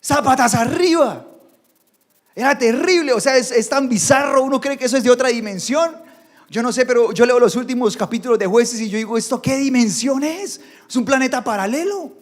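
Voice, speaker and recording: A male pastor preaching a sermon, animated and acting out the voices he quotes. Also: very high voice, a little fast. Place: church. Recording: church hall reverb.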